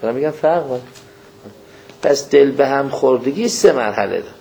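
A man speaks in a folksy way during a religious lecture, directly questioning his audience and citing scripture with slow, careful cadence. His voice sits at medium pitch with lively intonation, vocal fry, and a mellow quality.

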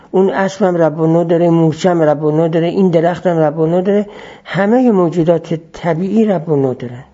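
A male teacher lecturing on philosophy at a measured pace, returning to his key phrases to make them stick. His voice is dark and mellow, a little higher than usual. The lo-fi recording sounds muffled. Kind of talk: explanatory classroom lecture.

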